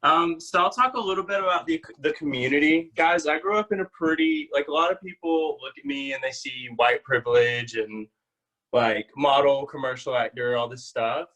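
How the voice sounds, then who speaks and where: A man's voice: on the high side, moderate pace, sharp tone, low-quality recording. A young man speaking earnestly and casually on a video call, with lots of "like". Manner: earnest, laid-back, says "like" a lot. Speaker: community member. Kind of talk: casual Zoom talk.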